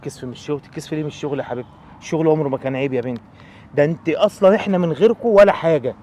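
A man's voice: a little high, very fast, mellow, slight background noise, natural voice. A man with an Egyptian accent playing a protective neighborhood man who lectures in a fatherly, insistent way. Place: outdoors on a city street.

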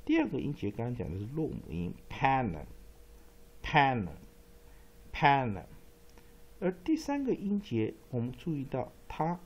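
A man teaching English pronunciation as a phonics lesson, explaining step by step and repeating example words slowly. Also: mid-range voice, huge pitch swings, warm tone, slightly rough. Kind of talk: classroom-style phonics lesson.

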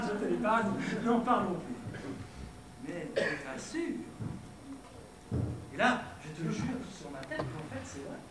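A high-pitched, playful troublemaker, played by a man on stage who needles his friend with mock seriousness. The sound is roomy and distant, with plenty of background noise from the hall. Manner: mocking and playful. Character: teasing, bickering man needling his companion. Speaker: stage actor. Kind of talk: amateur stage comedy acting. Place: theatre stage. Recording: echoey stage, far mic, noisy hall.

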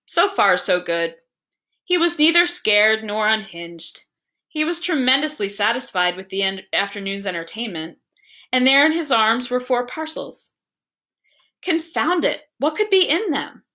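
The narrator is a woman, a librarian, whose bright and rather high voice lends expression to a measured, literary storytelling.

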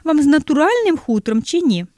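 A woman's voice: very animated, brisk, darkish tone, no room sound, clean studio sound. A woman voicing an overly polite, smiling male shop assistant, speaking in a sugary, courteous way. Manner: sugary and courteous, higher pitched.

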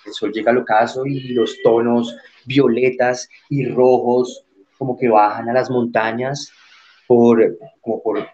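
A man's voice: medium pitch, flat delivery, a little slow, darkish tone, dull audio. A man teaching an online art class, explaining as he works and checking in with frequent tag questions.

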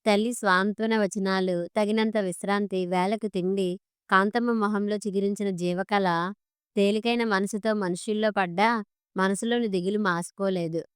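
A woman narrating an audiobook story and voicing every character in a slow, measured way. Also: medium pitch, steady tone, clean tone, no echo, studio quality.

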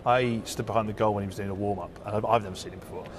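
Male sports reporter asking chatty questions, talks fast, noise in the background. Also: fairly low pitch, steady tone. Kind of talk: conversational interview questions. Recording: noisy location ambience.

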